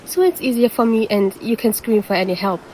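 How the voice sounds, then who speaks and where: A woman's voice: a little high, brisk, dark tone, slight background noise, close to an everyday voice, poor audio. A woman playing a teasing siren lifeguard. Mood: teasing, menacing. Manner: teasing, calls the listener handsome. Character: predatory female siren posing as a lifeguard. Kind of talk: audio roleplay to the listener.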